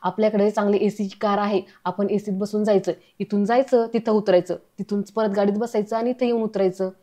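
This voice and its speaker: A woman voicing a sharp young man who keeps coaxing his relatives to see a doctor. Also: mid-range voice, level tone, brisk, close to an everyday voice. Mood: teasing. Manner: coaxing, insistent. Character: clever young man, persistent, teasing nephew.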